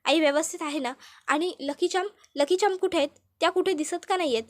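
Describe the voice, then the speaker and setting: A desperate young man pleads again and again for news of his family, as a woman reads his lines. The voice sits high and urgent. It is a plain storytelling voice, with no real attempt to sound male. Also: brisk. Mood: pleading. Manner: urgent, repeated pleading questions.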